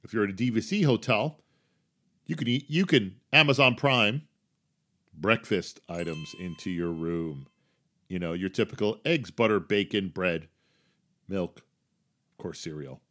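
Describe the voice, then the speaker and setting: A middle-aged man with a New Jersey accent hosting a casual solo podcast, chatty and self-deprecating, swinging between loud emphasis and quiet asides. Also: lowish voice. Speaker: podcast host.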